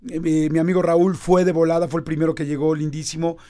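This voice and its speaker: A Mexican man in his fifties telling a personal story in casual conversation, animated and acting out quoted dialogue. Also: on the high side, fast talker.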